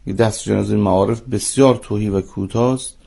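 A male cleric discusses religion as a studio radio guest. His low voice is dark, husky and full of gravel. He speaks formally and devoutly, in an explanatory manner. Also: steady tone. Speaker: cleric and seminary teacher, expert guest.

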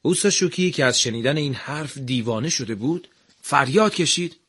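A man narrating a scripted radio story in an even, measured way. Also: medium pitch, breathy edge.

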